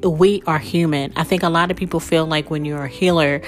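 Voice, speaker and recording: A woman's voice: low voice, fairly even intonation, a little fast. A woman podcast host and spiritual coach, talking casually and candidly through personal stories, with lots of "like" and "you know".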